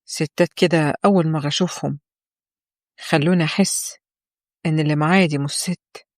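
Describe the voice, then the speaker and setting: A woman voicing a cold, scornful husband, speaking in a flat, lowered voice with an Egyptian accent. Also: a little fast, dry recording, clean studio sound, close to an everyday voice. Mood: contemptuous. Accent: Egyptian Arabic.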